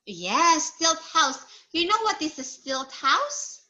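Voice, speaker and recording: A woman teaches English to a child one-on-one, patient and slow, repeating words for the learner to copy and praising the answers. Her high voice is sing-song with a sharp tone.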